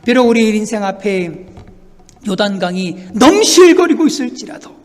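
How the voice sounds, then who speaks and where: A male pastor preaching an animated sermon, asking rhetorical questions and acting out scenes in a church sanctuary. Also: high-pitched, moderate pace, long reverb tail.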